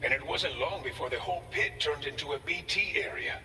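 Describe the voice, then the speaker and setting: An actor playing an earnest, grateful outpost staffer in a video game, speaking in a measured, formal way from a distance with reverb. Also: male voice, a little high, sharp tone. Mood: earnest, concerned. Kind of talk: scripted video game dialogue. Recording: distant, long reverb, faint noise.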